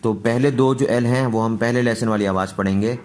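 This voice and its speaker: A man teaching English pronunciation, explaining rules patiently and repeating each word slowly. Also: medium pitch, steady tone, darkish tone, a little hiss or hum. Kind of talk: slow pronunciation lesson.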